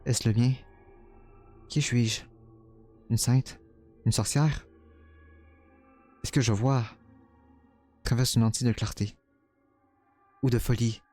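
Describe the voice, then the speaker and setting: A man's voice: mid-range voice, steady tone, slow, long pauses, warm tone, faint music behind. A man reading a game's first-person narration as a tormented young man, dramatic and stumbling over words now and then. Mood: anguished.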